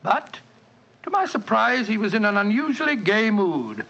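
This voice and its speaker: Old english doctor in a 40s radio play, creaky voice, fussy and avuncular, kinda muffled recording. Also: male voice, sits high, sing-song, sharp tone, heavily acted. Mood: reminiscing. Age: older. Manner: avuncular, rambling, halting. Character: genial, fussy older English doctor reminiscing by the fireside. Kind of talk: 1940s radio acting. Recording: dull 1940s radio recording.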